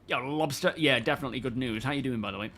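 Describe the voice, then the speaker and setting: A man's voice: mid-range voice, quick pace, fairly bright tone, slight background noise. A man live-streaming a game, chatting casually and rambling while greeting his viewers by name. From United Kingdom.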